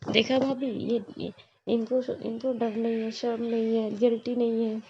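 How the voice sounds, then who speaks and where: A woman's voice: fairly high pitch, little pitch movement, normal speed, a little mellow, dull audio, slight background noise, lightly acted. A woman voicing a bossy, sulky tomboyish young woman, making petulant threats in a storybook reading. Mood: complaining.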